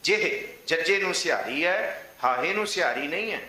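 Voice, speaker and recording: A man preaching and explaining scripture verses, reciting quotations slowly between his explanations. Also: fairly high pitch, lively intonation, sharp tone. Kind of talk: religious discourse. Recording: echoey room with faint noise.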